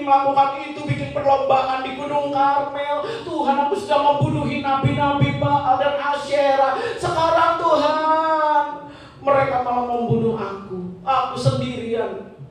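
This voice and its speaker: A man's voice: very high-pitched, a bit bright, voice pushed up. A man voicing the prophet Elijah, a despairing man who pleads, repeats himself and cries out. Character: despairing old male prophet, complaining then excited. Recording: very echoey church hall, far from mic.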